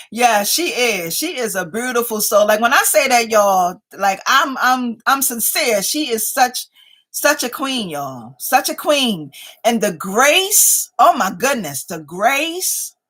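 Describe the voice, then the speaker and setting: Taking it slowly, this fifty-something livestream host speaks in a fairly bright, slightly high voice with big pitch swings. She's chatty and playful, reading viewer comments aloud and addressing everyone as "y'all."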